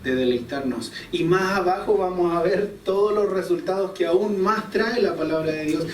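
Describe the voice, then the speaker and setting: A man's voice: sits high, moderate pace. Echoey man preaching. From Chile. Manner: conversational storytelling, chuckles at himself. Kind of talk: sermon with personal story. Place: church hall. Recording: echoey church room, distant mic.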